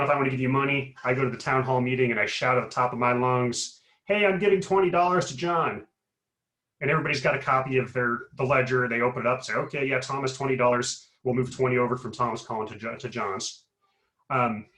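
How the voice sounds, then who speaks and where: A man's voice: mid-range voice, bright, forceful tone, reverberant, low-quality recording. A middle-aged man, a professor, explaining a topic on a video call, rambling with many fillers and restarts. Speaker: guest speaker, professor. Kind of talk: explanatory talk on a webinar.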